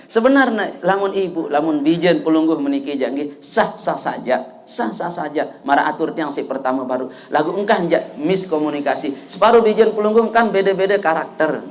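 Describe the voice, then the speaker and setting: A man preaching a humorous sermon with a Sasak accent, telling stories in a lively way and mixing in local phrases. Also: a little high, fairly quick. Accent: Sasak (Lombok). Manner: lively storytelling, switching between Indonesian and Sasak.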